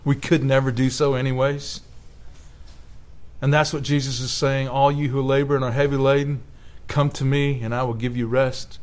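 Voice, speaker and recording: A man's voice: medium pitch, little pitch movement, moderate pace, darkish tone. A man preaching a sermon in an earnest way, rising with emphasis when he quotes scripture. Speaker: pastor.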